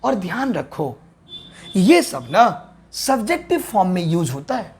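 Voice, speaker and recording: A man teaching an online grammar lesson. He keeps asking the viewers whether they understood and slowly repeats the key terms at a board. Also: high-pitched, big pitch swings, slight background noise.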